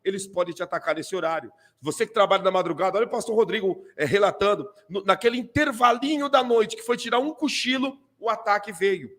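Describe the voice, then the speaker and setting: The animated pastor with a Brazilian Portuguese accent again comments on clips during a live stream, high-pitched and quick with hardly any pauses, and his speech is full of repeated fillers.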